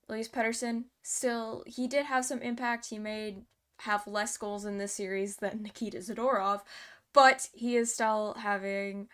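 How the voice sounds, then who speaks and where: Young woman doing a chatty game recap, smooth clear voice, a bit sarcastic. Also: mid-range voice, a bit bright. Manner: chatty, sarcastic asides, many fillers. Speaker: host. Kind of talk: casual post-game analysis.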